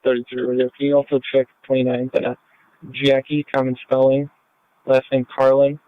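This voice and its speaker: Man on a flat police radio call. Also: mid-range voice, normal speed, dry recording. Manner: flat, clipped radio procedure talk. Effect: two-way police radio transmission. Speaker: police officer. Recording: dull radio scanner audio.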